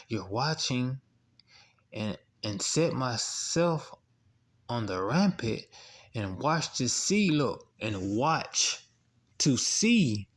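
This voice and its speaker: A man delivers a sermon-style Bible teaching in an unhurried, drawn-out way. His voice carries a gravelly rasp, and he keeps circling back with restarts and rhetorical questions to his listeners. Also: medium pitch. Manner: repetitive, asks rhetorical "what?" questions; halting, many restarts and fillers. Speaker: preacher.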